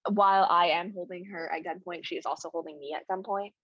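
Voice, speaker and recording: A woman's voice: fairly low pitch, fairly even intonation, fast talker, breathy edge, no echo, muffled recording. A woman co-hosting a podcast in casual chat, rambling and playful, with a lot of fillers. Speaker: podcast co-host.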